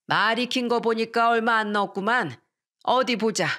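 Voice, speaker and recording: A woman voicing an angry, shrill older mother-in-law who scolds and yells, in a storybook reading. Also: normal speed, lightly acted. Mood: furious. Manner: scolding, yelling.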